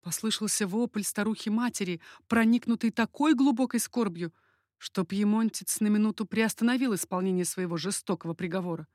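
A woman narrating a historical novel as an audiobook, steady and expressive. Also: mid-range voice, fairly quick, no room sound, studio quality.

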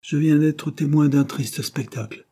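A man voicing a kindly, selfless aging pastor who speaks earnestly and insists gently. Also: on the high side, a little slow, pitched above the performer's own voice.

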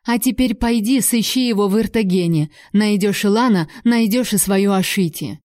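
A woman voicing a scheming, haughty older noblewoman who is mocking and venomous, going shrill when frightened. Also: normal speed, darkish tone, no echo, studio quality, close to an everyday voice.

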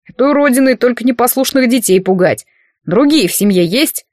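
A woman's voice: fairly high pitch, lively intonation, brisk, darkish tone, no room sound. A woman voicing an arrogant male army commander who speaks with contempt and mockery, in an audiobook with a dry recording. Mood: scornful. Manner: contemptuous and mocking. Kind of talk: audiobook dialogue.

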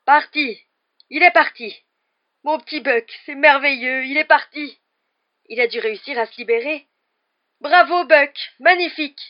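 Woman doing a hoarse big-hearted giant gamekeeper, emotional, muffled audio. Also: mid-range voice, moderate pace, natural voice. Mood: overjoyed.

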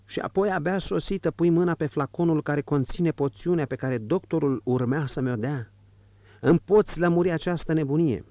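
A man's voice: on the high side, warm tone, no room sound, muffled recording, pitched above the performer's own voice, natural voice. A man voicing a sick, angry old nobleman father in an audiobook, speaking in a commanding, indignant way.

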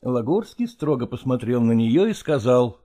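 Male audiobook narrator with an animated pitch. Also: moderate pace. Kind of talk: scripted literary narration.

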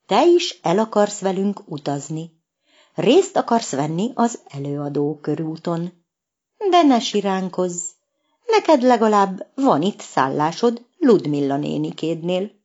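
A woman's voice: on the low side, sing-song, a little mellow, breathy edge, dull audio. A woman voicing a cheerful, confident male cat who sings in a band, in a storybook. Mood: teasing. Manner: eager, teasing.

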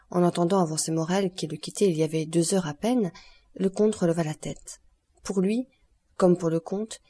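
Low, husky woman narrating a novel. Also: mellow. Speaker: audiobook narrator. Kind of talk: scripted narration of a classic novel.

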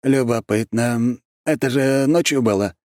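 A man's voice: medium pitch, measured pace, darkish tone, no echo, studio quality, voice pushed up, natural voice. A man voicing an irritable, arrogant old male archmage who talks down to others, in an audiobook. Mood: haughty, irritable. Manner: haughty, dismissive, panicky when caught out.

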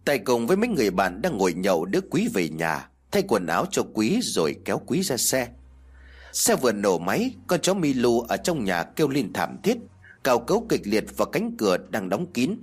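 Husky male ghost-story narrator. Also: mid-range voice. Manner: expressive, measured.

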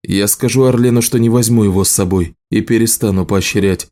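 Steady calm husband in a storybook, read by a guy, dark mellow voice. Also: fairly low pitch, brisk, close to an everyday voice. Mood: firm. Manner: calm, firm. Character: firm, steady adult husband, a messenger.

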